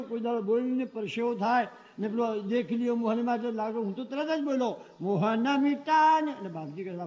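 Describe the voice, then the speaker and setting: A man telling a devotional story to a gathering, animated and acting out the exchanges he describes. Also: very high voice. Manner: animated, acts out quoted exchanges. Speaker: devotional speaker. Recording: dull lo-fi sound with long hall reverb.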